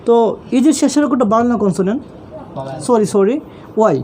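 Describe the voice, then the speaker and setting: A male teacher with a Bangladeshi Bengali accent explains grammar rules in a mellow, warm voice. He keeps asking questions and answering them himself, patient and repetitive. Faint traffic noise hums in the background. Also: very high voice, brisk. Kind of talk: online classroom lesson.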